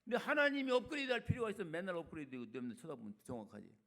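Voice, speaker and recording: An older man preaching a sermon as a retired senior pastor, colloquial and chatty, swinging between loud emphatic lines and quiet asides. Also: sits high, wildly swooping pitch, rapid-fire, creaky.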